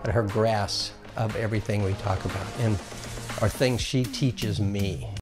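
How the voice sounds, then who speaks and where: A man in his seventies speaking in a thoughtful, measured way in a documentary interview, recorded with a clip-on mic. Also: fairly low pitch, fairly even intonation, music in the background. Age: 70s.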